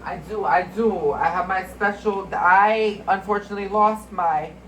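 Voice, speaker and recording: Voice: medium pitch, measured pace, fairly bright tone, a little hiss or hum, low-quality recording. Rambling mystical card reader talking to viewers. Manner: chatty, addresses viewers as y'all. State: congested. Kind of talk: casual spiritual card reading to camera.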